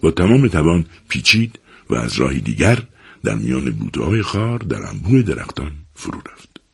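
Very deep gravelly man, husky, lively audiobook narration.

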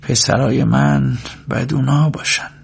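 A man voicing a proud, anxious middle-aged farm mother with a sharp, complaining voice, husky and gravelly. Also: mid-range voice, steady tone, pitched above the performer's own voice. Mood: scolding. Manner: sharp, complaining, at times tearful whisper.

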